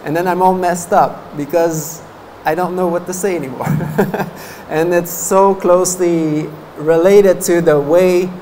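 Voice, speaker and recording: His voice sits high and dark, with fairly even intonation and a measured pace, while the low-quality recording carries a little hiss or hum. The speaker is a Buddhist monk in his thirties, a French speaker from French-speaking Canada, giving a chatty dharma talk at a meditation course and laughing often between fillers. Seated before a banner in a meditation hall, he gestures with his hands and talks into a stand mic.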